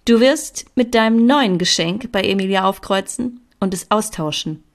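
A woman voicing a pushy, energetic young female friend who lectures and urges in a storybook reading. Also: mid-range voice, moderate pace, natural voice. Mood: bossy.

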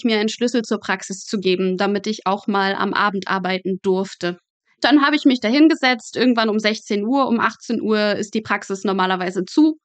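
In a dry recording, a woman with a mid-range voice recounts anecdotes as a guest in an interview. She's in her twenties and is a medical student who works at a pathology practice, and her stories come out humorous, vivid and casual.

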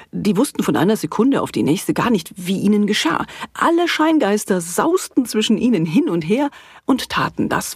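A woman narrating a children's audio story in a playful, animated way. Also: medium pitch, breathy edge, no room sound, clean studio sound.

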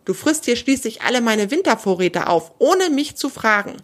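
A woman voicing a proud, loud female jay bird in a children's storybook reading. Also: medium pitch, normal speed. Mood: agitated. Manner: loud and excited.

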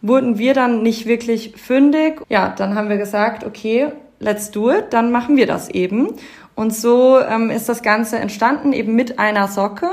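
A woman in her thirties, a company co-founder, telling a story in a relaxed podcast chat with many fillers. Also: fairly high pitch, moderate pace. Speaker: fashion label co-founder, guest. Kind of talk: casual podcast interview.

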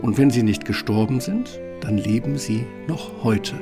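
A man's voice: mid-range voice, lively intonation, a little slow, gravelly, over loud music. A man narrating a scripted fairy tale as the storyteller of an audio play.

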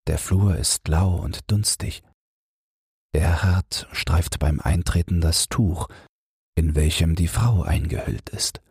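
A man reads a bedtime audiobook with a very deep, breathy, husky voice. His pace is slow and soothing, and the recording is dry and close to the mic. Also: no room sound. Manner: slow, soothing, even reading. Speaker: audiobook narrator. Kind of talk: calm bedtime audiobook reading.

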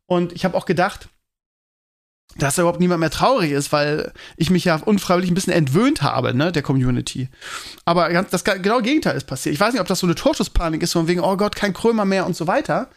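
A man's voice: high voice, lively intonation, fast talker. A man hosting his own podcast, talking casually to his listeners and rambling with lots of fillers and tag questions. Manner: rambling, many fillers and "ne?" tags. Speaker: podcast host and teacher.

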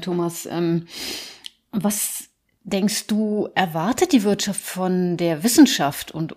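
Lower-voiced woman moderating briskly. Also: a little mellow. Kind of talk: interview questions.

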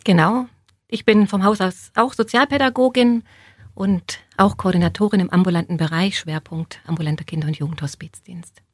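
A woman's voice: fairly low pitch, steady tone, normal speed, husky, no echo. A woman guest giving conversational, explanatory answers in a studio interview. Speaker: interview guest, social worker.

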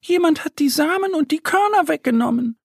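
A man's voice: very high voice, expressive, fairly quick, gravelly, no room sound, pitched above the performer's own voice, heavily acted. A small, kind duck girl in a children's audio story. The voice sits far above his own and sounds eager. The recording is dry and close. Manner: eager, explaining.

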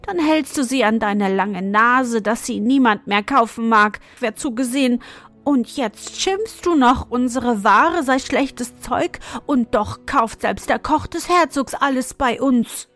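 A woman's voice: fairly high pitch, a little slow, fairly bright tone, faint music behind. A woman voicing a bold little market boy who scolds an old woman in a storybook reading. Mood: indignant. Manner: scolding, cheeky.

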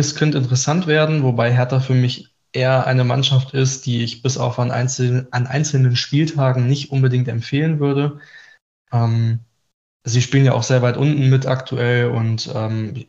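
A man speaking as a podcast guest, calm and matter-of-fact. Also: medium pitch. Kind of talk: casual analysis. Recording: dull lo-fi sound.

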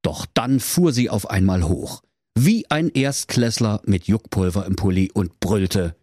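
A man narrating a comic bedtime story in a playful, animated way. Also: fairly low pitch, measured pace, dry recording, clean studio sound.

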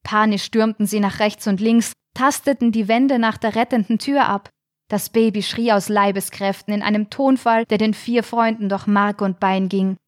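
A woman narrating a short suspense story in a measured, tense storytelling manner. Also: mid-range voice, fairly even intonation, no echo, studio quality. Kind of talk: scripted audiobook narration.

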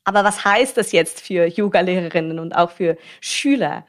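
A woman's voice: lowish voice, moderate pace. A woman hosting a podcast, explaining things directly to her listeners. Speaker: podcast host.

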